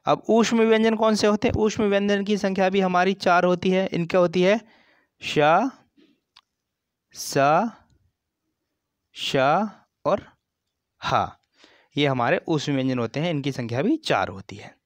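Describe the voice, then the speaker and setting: A man teaching a grammar lesson for an exam, explaining slowly, repeating terms and stretching sounds as examples. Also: high-pitched, no echo. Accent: Hindi.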